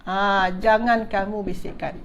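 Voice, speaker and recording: A woman teaching an online Arabic grammar class. She repeats terms, restarts words and keeps checking whether her listeners understand, addressing them formally as ladies and gentlemen. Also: mid-range voice, steady tone, a little slow, lo-fi sound, a little hiss or hum. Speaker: religious teacher.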